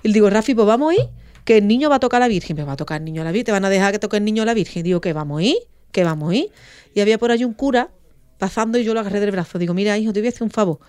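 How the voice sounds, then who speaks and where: A woman's voice: medium pitch, rapid-fire, smooth, dry recording. A woman, a radio guest telling an emotional story and acting out the quoted voices. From Andalusia, Spain. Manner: animated, acts out quoted dialogue.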